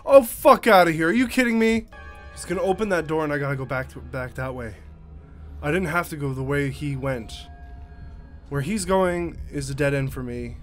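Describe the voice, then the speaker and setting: A Canadian man with a fairly high voice plays and comments on a game. He is jokey and reactive, swearing freely into a close mic. Faint game music runs underneath. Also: moderate pace. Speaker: gaming YouTuber. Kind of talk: let's play commentary.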